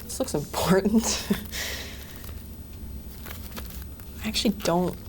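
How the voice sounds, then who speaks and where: An actress playing an unbothered office worker, muttering dryly to herself. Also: female voice, medium pitch, extremely slow, noisy background. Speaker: office worker reading emails. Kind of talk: mockumentary.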